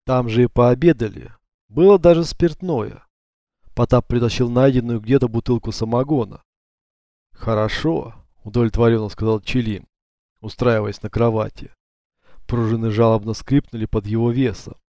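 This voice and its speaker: A man reads an audiobook in a steady, even way. His voice is mellow and fairly dark, at a middle pitch. The recording is close and dry. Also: moderate pace, no room sound. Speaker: narrator. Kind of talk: audiobook narration.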